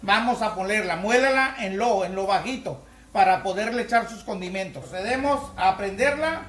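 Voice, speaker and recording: A man's voice: high voice, normal speed, fairly bright tone. A man giving a folksy cooking demonstration at his stove, coaxing the viewer step by step. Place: home kitchen by the stove. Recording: echoey kitchen with frying sizzle.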